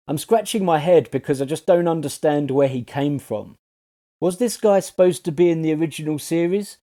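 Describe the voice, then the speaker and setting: A man's voice: fairly high pitch, normal speed, warm tone. A man reading a scripted review voice-over of a TV series, sarcastic and full of swearing. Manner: sarcastic, profane, ranting.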